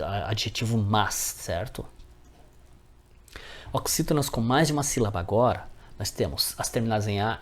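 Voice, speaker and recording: A man teaching a grammar lesson, often checking in with his viewers as friends. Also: lowish voice.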